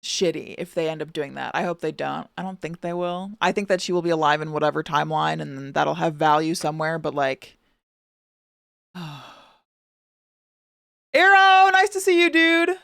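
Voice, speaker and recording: A young adult woman streamer reacting in casual chat, excitable and swearing freely. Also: low-pitched, a little fast, creaky, no room sound, studio quality.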